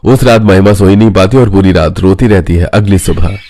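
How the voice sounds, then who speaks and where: A man narrating an animated family drama in an even storytelling manner. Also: deep voice, brisk.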